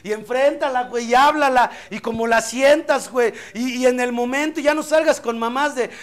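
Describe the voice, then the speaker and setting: A Mexican man with a very high-pitched voice tells his story at a recovery meeting. He speaks bluntly and with passion, swears freely, and acts out his own inner voice as he goes. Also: normal speed. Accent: Mexican Spanish. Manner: blunt, profane, impassioned storytelling.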